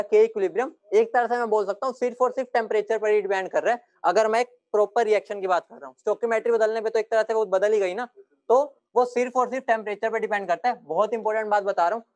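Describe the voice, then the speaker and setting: A young male teacher giving a classroom lecture, joking with his students and then firmly explaining points. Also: high-pitched.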